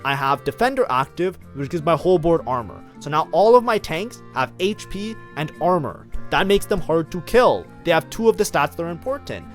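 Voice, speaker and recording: A man's voice: a little high, big pitch swings, normal speed, few pauses, faint music behind. A man casually commenting on his own strategy game match as a streamer, talking in a loose, chatty way full of fillers. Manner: chatty, lots of fillers like "like, you know".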